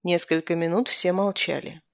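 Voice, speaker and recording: A woman narrating a humorous short story in an even storytelling tone. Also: fairly low pitch, moderate pace, gravelly, no echo, clean studio sound.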